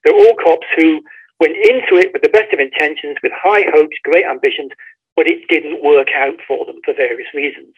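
A guest author with a fairly high, husky voice talks at a normal speed during a remote call, the phone line sounding tinny. He tells the story emphatically and conversationally, performing the quoted lines.

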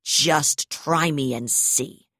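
A woman's voice: lowish voice, lively intonation, normal speed, fairly bright tone, no room sound, clean studio sound. A woman reading an audiobook, voicing a brutal, cornered female gendarme brigadier who hurls profane threats. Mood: snarling.

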